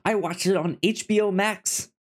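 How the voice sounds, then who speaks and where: Discussing movies in a relaxed podcast conversation, this co-host has a high-sitting voice with a steady tone. His speech stalls and stutters, with words and syllables frequently repeated.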